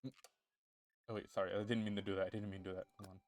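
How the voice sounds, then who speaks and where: A man's voice: fairly low pitch, flat delivery, racing, darkish tone. A young man streaming a game, reading its lines aloud in a playful, jokey, rambling way. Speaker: gaming streamer.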